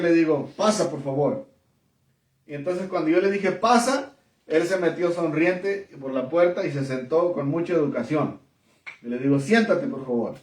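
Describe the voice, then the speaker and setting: A man's voice: fairly high pitch, a little mellow, recorded from a distance. A man preaching and giving his testimony in an emphatic way, with many fillers and repeated words. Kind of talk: testimony sermon. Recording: echoey room, voice from off mic.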